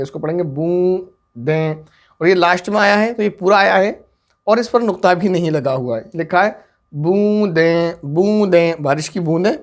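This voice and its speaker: A man teaching an online Urdu script lesson, patiently repeating each word slowly as he writes it out. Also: high voice.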